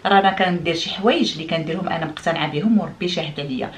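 A woman's voice: fairly low pitch, racing, a little hiss or hum. A middle-aged woman with a Moroccan accent, chatting casually to her viewers, explaining and demonstrating things with French words mixed in. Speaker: vlogger.

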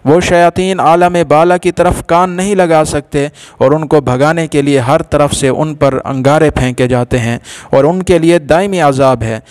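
A man narrating a religious story in a measured, formal storytelling manner. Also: on the high side, steady tone, darkish tone, clean tone, dry recording.

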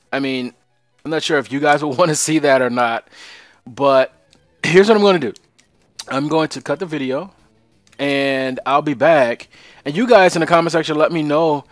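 A young man gives chatty, joking commentary on a game he is playing, talking straight to his viewers. His voice sits at an ordinary pitch and sounds dry and close, with faint music underneath. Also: no room sound. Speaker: let's play host.

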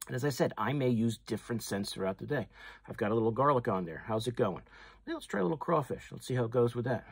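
Slightly rough and medium-pitched, a man's voice comes across in a dry recording as he hosts a fishing channel. He chats casually during a hands-on demonstration indoors among walls of packaged lures, using lots of fillers and restarts.

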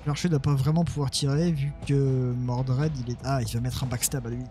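A man's voice: medium pitch, level tone, moderate pace, mellow, faint music behind. A man casually commenting on his own strategy game, talking to his units and mocking himself. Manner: muttering, self-mocking, talks to his units. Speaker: let's play gamer.

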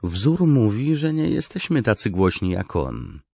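A man voicing a playful young nobleman in an audiobook, pitched well above his narration. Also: very animated, a little slow, vocal fry, mellow, breathy edge, no room sound, heavily acted. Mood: wry. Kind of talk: audiobook character reading.

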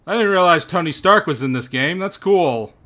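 A man's voice: on the high side, lively intonation, normal speed. Foul-mouthed man grumbling over a game. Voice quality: swearing, grumbling, sudden shouts. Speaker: host. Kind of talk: profane gaming commentary.

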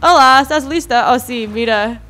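High-pitched young woman playing a game. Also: moderate pace, bright, forceful tone. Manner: chatty, talks to game creatures, squeals and laughs when startled. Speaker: gaming video creator. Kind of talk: casual gameplay commentary. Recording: faint background game music.

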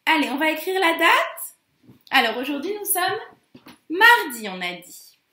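A woman teacher recording a lesson for young children, gentle and sing-song, spelling out letter shapes. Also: high voice, sing-song, normal speed. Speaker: schoolteacher. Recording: roomy echo.

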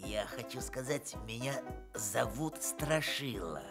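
A man's voice: mid-range voice, animated, slow pace. A bumbling straw scarecrow in a children's radio play. He is good-natured and simple, tangling his words as he goes. Faint music sits in the recording. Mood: flustered, apologetic. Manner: muddles and swaps words, bumbling. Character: muddled, good-natured male straw scarecrow, newly made.

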